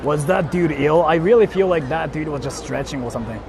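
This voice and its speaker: On a crowded city street at night, a young man from Japan with a Japanese accent chats briskly in a somewhat high voice during a casual live stream. Responding to viewer comments, he's informal, repetitive and free with swearing, and street noise, traffic and crowd sounds are audible.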